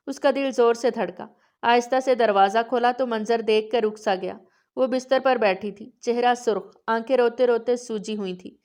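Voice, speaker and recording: A woman reading a romance novel aloud in calm, even storytelling narration. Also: a little high.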